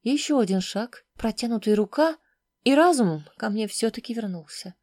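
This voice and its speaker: A woman reading a fantasy novel aloud in the first person, soft and intimate, at times dropping almost to a whisper. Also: fairly high pitch, lively intonation, normal speed, dry recording, clean studio sound. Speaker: audiobook narrator. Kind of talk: first-person audiobook narration.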